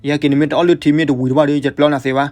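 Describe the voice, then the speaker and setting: A man telling a folk story, switching between loud outbursts and hushed asides. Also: on the high side, flat delivery, very fast.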